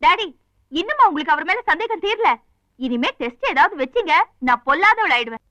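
An actress playing a young daughter in a film comedy, speaking gently. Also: female voice, extremely high pitch, lively intonation, brisk, no room sound, exaggerated voice. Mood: gentle. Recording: dull lo-fi film soundtrack.

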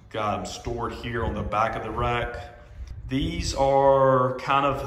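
A man in his forties giving a casual walkthrough of his home gym equipment, talking in a relaxed, chatty way with lots of fillers, recorded on a handheld phone. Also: mid-range voice, a little hiss or hum. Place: echoey home gym room. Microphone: phone camera held while walking. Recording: roomy reverberant home gym.

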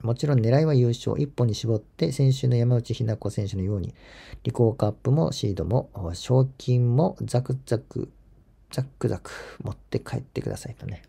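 Gravelly, dark-voiced man chatting casually. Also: mid-range voice, expressive, moderate pace. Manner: chatty, rambling, chuckles at his own asides. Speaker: golf channel host reading viewer comments. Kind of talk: casual spoken commentary.

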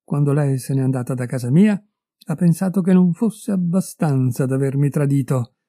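A man's voice: on the high side, normal speed, warm tone, dry recording, clean studio sound. A man doing a furious betrayed husband. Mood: furious, accusing. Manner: raised, heated and accusing. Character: wronged middle-aged husband, bitter and furious.

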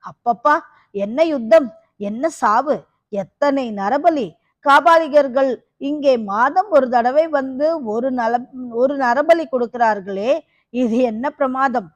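A fearsome, half-crazed kapalika woman with a harsh voice, read by a woman. She tells her tale with dramatic relish. High voice, dry and slightly dull recording. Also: slow, no room sound.

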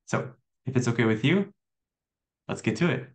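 A man's voice: medium pitch, lively intonation, moderate pace. An American man in his twenties teaching an online English lesson, talking in a friendly way, repeating words and asking the viewer questions. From USA. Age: 20s.

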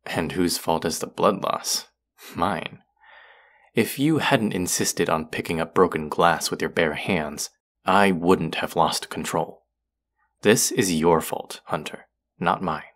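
A young man with a low-pitched, fairly bright voice takes his time as he plays an irritable, predatory vampire college student in an intimate audio roleplay. He comes across curt, sarcastic and condescending, with a smug, cold mood.

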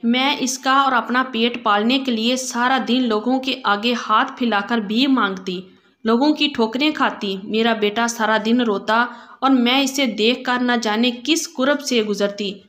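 A woman's voice: fairly high pitch, a little slow, fairly bright tone. A woman telling an emotional first-person story in a dramatic narration.

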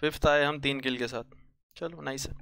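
A young man live-streaming a mobile shooter, trading quick casual callouts and banter with teammates. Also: mid-range voice, fairly even intonation, creaky, sharp tone, clean tone, no room sound, clean studio sound.

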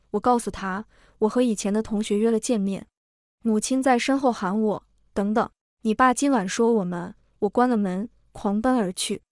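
A woman narrates a first-person emotional story in a steady, even reading voice. Her voice sits fairly high. The recording is dry and close, with no room sound. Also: no room sound.

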